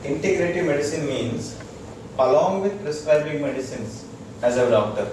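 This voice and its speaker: This is a man with an Indian accent whose voice sits a little high, with lively intonation and a normal pace. A doctor teaching integrative medicine, he lectures informally to a small audience in a room, repeating short phrases and making sure people follow. Noise, echo and a distant mic mark the recording.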